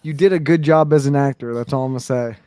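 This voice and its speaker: A man's voice: mid-range voice, fast talker, dark tone, smooth, dry recording. A man hosting a casual chat, teasing his co-hosts in a playful, profane way as he hands them the floor. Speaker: podcast host.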